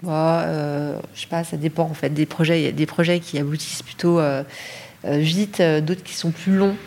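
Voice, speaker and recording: A woman's voice: low-pitched, fairly even intonation, moderate pace, darkish tone. A middle-aged woman from Paris, a designer answering podcast interview questions with many fillers and restarts. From Paris, France. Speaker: lighting designer, guest.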